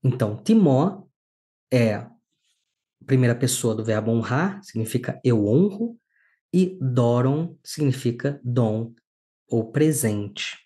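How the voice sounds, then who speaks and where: A man teaching a recorded lesson, explaining slowly and clearly and stressing syllables. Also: mid-range voice, expressive, dark tone.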